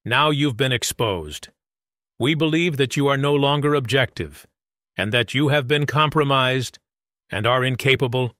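A man's voice: medium pitch, moderate pace, a bit bright, no echo, clean studio sound, voice pushed up, close to an everyday voice. A man reading the formal, cold lines of an official in a hazmat suit. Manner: stiff, formal.

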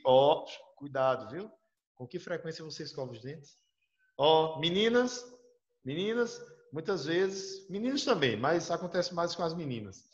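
A man teaching an online English class, explaining step by step and checking in with his students. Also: fairly high pitch. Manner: explanatory, asks students for confirmation. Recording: roomy, dull lo-fi audio.

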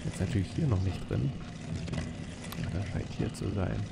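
A man's voice: deep voice, expressive, normal speed. A man streaming a video game with casual, understated commentary, musing to himself. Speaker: let's play streamer. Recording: clear game noise behind the voice. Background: game ambience.

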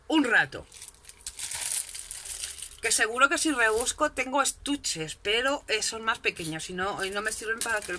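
A woman's voice: mid-range voice, pushed and bright, slight background noise. A woman chatting casually at her home craft desk, showing off a shopping haul in a chatty, self-mocking way and checking in with her viewers often. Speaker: crafting vlogger.

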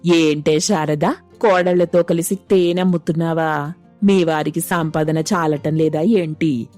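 Sneering nosy neighbour auntie, voiced by a woman, low voice, cartoon. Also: fairly even intonation, unhurried, darkish tone, faint music behind.

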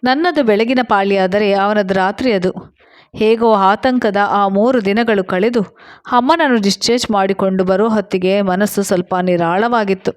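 A woman reading a heartfelt first-person story aloud, soft and earnest, slipping into a whisper now and then. Her voice sits at a middle pitch. The recording is close and dry, with no room sound. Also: no room sound. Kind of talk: scripted narration of a first-person family story.

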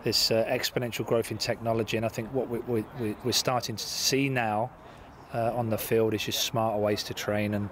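A man in his forties giving interview answers as a coach, haltingly, often repeating words. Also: on the low side, level tone, fairly bright tone, slight background noise. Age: 40s. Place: outdoor football pitch.

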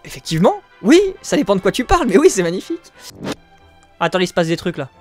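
A male streamer giving joking, crude, self-mocking live gameplay commentary, excitable and often laughing. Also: sits high, quick pace, faint music behind. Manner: excitable, exclaims at the game.

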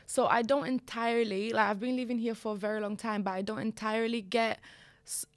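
This is a casual podcast interview with a young Brazilian woman who speaks with a Brazilian Portuguese accent, candid and reflective and full of "like." Her fairly high voice stays steady and moves fairly quickly, captured cleanly in the studio with no room sound. The setting is a small studio with a sofa and purple lighting, with a studio boom mic close up.

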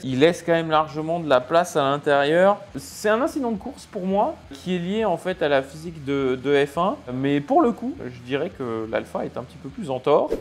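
A man giving casual, expressive commentary over racing game clips. He talks in halting bursts with many fillers and reacts aloud to the crashes. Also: a little high. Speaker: sim racing video creator.

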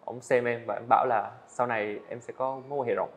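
In a steady, mid-range voice, a young man who studies animation answers interview questions on an indoor studio set. His casual speech is rapid and earnest, with plenty of small restarts.

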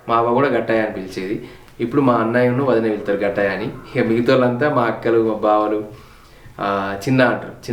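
A man's voice: mid-range voice, echoey room. A man with a Telangana Telugu accent, a vlogger telling his family's story in a heartfelt, reflective way, repeating words for emphasis. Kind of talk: personal storytelling on a home tour.

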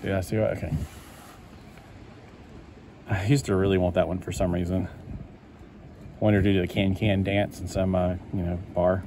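Flat and unhurried, a man's low, dark voice comes with long pauses and a moderate pace, plus a faint hiss or hum. At a table indoors he browses a collector magazine, chatting to himself in a rambling, easily pleased way.

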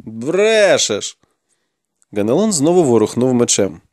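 A man narrating a fantasy novel in the first person with expressive, dramatic storytelling. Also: mid-range voice, normal speed. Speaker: audiobook narrator.

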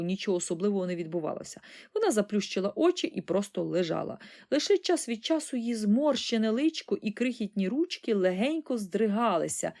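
Female audiobook narrator, calm and expressive, steady storybook delivery. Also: mid-range voice, gravelly. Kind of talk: scripted narration.

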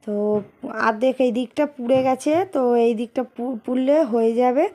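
Hoarse middle-aged woman vlogging. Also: sits high, fairly even intonation, brisk, dark tone. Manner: chatty, walking and pointing things out. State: hoarse from a cold. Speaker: family vlogger. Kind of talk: casual vlog narration.

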